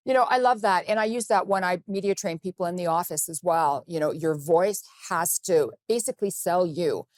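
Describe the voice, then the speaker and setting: A woman hosting a talk show in a slightly low voice, affirming her guest and leading the conversation. The recording is dry, with no room sound. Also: normal speed, a little mellow, no room sound. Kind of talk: hosting an interview.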